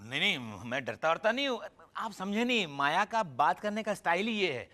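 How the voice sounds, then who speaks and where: A cheeky older husband. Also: male voice, fairly quick, full character voice. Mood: playful. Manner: playful, teasing, lively pitch swings. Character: mischievous older husband, playful and teasing. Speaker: husband Indravadan. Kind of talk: sitcom acting.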